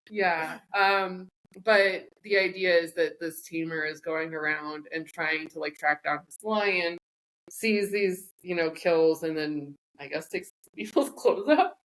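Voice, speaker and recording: A woman with a slightly low voice co-hosts a podcast, chatting casually. She tells her stories in a joking, rambling way. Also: slow pace, a bit bright. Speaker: podcast co-host. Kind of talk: casual chat.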